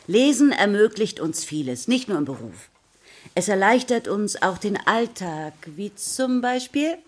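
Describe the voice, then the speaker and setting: In a German children's radio play, a woman voices a patient, encouraging primary school teacher who addresses her class in a questioning, instructive way. Her husky voice sits at medium pitch, very animated yet unhurried, with an inquiring, instructive mood.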